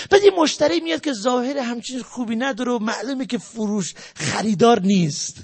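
A man giving a sales lecture, emphatic and repetitive, jumping between loud stresses and quiet asides. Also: very high-pitched. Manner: emphatic, repetitive, talks straight to the audience. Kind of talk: motivational lecture.

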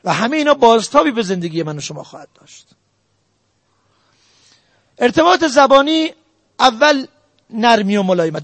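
Brief: male preacher with a very high voice, earnest and exhortative, dry close sound. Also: fairly bright tone, no echo. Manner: earnest, exhorting the audience directly. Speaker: religious lecturer. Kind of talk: sermon on family ethics.

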